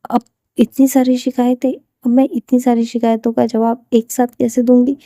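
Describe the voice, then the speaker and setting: A woman voicing a caring older sister who calms and reassures her sibling. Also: a little high, normal speed, no echo, studio quality, pitched above the performer's own voice, natural voice. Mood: soothing. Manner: soothing, reassuring. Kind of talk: storybook character voice.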